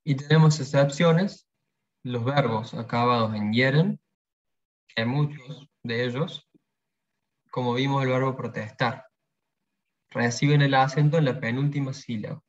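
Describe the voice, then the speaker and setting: Patient man teaching pronunciation. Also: mid-range voice. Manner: patient, explanatory, pauses to repeat example words. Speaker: language workshop teacher. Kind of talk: explaining pronunciation in a workshop. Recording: dull lo-fi sound.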